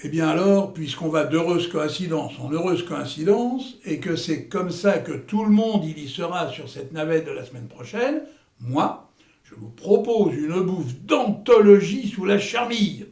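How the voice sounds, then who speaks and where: Guy playing hammy old war vet in a stage comedy, florid and boastful, gravelly, roomy echo. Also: on the high side, expressive, a little slow, darkish tone. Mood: jovial, boastful. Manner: hammy, theatrical stage delivery with florid slang. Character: Hector, boastful old war veteran and amateur playwright. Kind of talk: theatrical comedy acting. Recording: echoey room.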